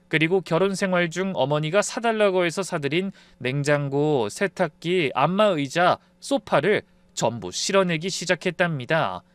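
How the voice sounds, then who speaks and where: High-voiced male story narrator. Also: a bit bright, clear, resonant tone, no echo. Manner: confiding, conversational storytelling.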